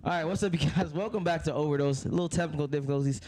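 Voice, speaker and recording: A man's voice: fairly high pitch, very fast. A man hosting a casual group podcast, asking teasing questions in a laid-back way. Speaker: podcast host. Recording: background noise.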